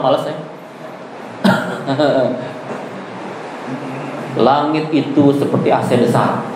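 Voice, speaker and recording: Male preacher, lively joking sermon, echoey mosque, faint noise. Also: high-pitched. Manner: chatty, joking, lively storyteller.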